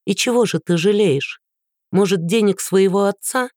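A woman voicing a sharp-tongued, scornful young woman who answers with biting mockery. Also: medium pitch, normal speed, no echo, studio quality, pitched above the performer's own voice, close to an everyday voice. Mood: mocking. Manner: mocking, biting.

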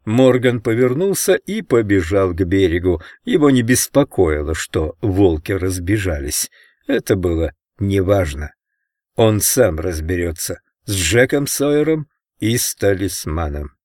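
Man, audiobook narrator, low-pitched, measured steady reading, dry close sound. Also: no echo. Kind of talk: scripted narration.

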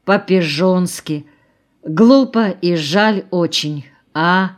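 A woman's voice: fairly low pitch, very slow. A woman reading a blunt tired male geologist. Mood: weary. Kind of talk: audiobook dialogue reading.

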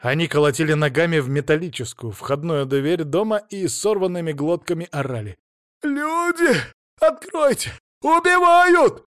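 A man narrating a fantasy novel in the first person with brisk, vivid delivery. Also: fairly high pitch, no room sound, studio quality.

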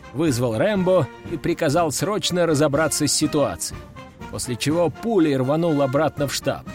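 Wry male audiobook narrator, higher voice. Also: a little mellow. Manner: wry, ironic storytelling. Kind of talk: first-person audiobook narration.

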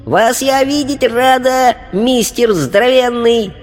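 A man voicing the spirit of a cheerful eight-year-old girl who chatters in thin, high baby talk. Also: slow pace, long reverb tail. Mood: excited. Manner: lisping baby talk, diminutives. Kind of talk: audiobook character voice.

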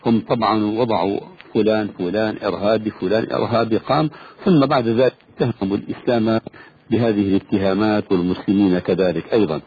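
A man with a Levantine accent hosting a radio program, speaking in a measured, formal way. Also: fairly low pitch. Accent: Levantine Arabic. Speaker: radio host. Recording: tinny phone-line sound with faint noise.

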